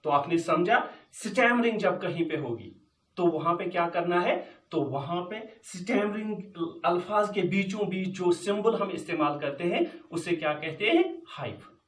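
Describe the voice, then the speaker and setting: A man explains punctuation at an unhurried pace, going over each word more than once. His voice sits high, and the room carries a noticeable echo. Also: animated, far from the mic. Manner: slow, repeats words, mixes English and Hindi. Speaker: teacher. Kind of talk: classroom lesson on punctuation. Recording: echoey room, voice from off-mic.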